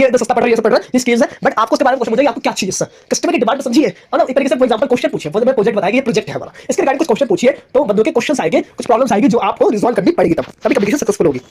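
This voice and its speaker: A young man giving a casual classroom lecture on business communication, talking in quick repetitive bursts and asking his students whether they follow. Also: very high-pitched, a little mellow, breathy edge. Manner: rapid, repetitive, asks "theek hai?" often. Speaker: commerce lecturer.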